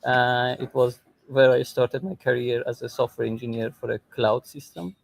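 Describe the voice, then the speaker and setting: An Iranian tech co-founder, appearing as a guest on a livestream call, introduces himself conversationally while remotely connected from an airport. His medium-pitched voice is creaky and level, at a moderate pace.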